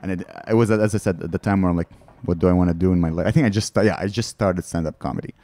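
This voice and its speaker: A man's voice: low voice, rapid-fire, warm tone, dry recording. A male comedian guest chatting casually on a podcast, telling candid, rambling stories and laughing between lines. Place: studio.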